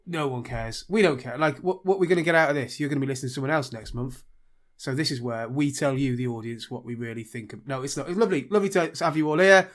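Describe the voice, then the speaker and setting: A man co-hosting a casual gaming podcast. He rambles and pokes fun at himself, talking at an even, mid-range pitch. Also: fast talker. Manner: rambling, self-deprecating. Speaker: podcast co-host. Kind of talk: casual chat.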